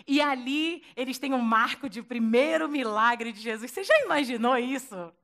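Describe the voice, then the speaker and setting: A woman preacher with a Brazilian accent tells a lively, story-driven sermon and acts out the scenes as she goes. Her voice is high and bright. She talks in a playful, slangy way. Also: normal speed.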